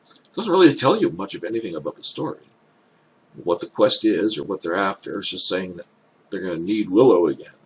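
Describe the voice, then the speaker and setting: An older man with an elderly-sounding voice gives casual off-the-cuff commentary, thinking aloud in halting, hesitant phrases. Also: deep voice, animated, low-quality recording. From Canada. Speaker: reaction video host. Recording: clear background noise.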